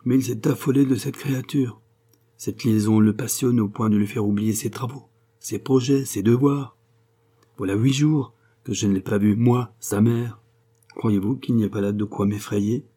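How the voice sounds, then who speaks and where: A man's voice: fairly low pitch, steady tone, moderate pace, dark tone, breathy edge. A man reading the part of a haughty, anxious mature mother who speaks bitterly about her son. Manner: bitter, imperious.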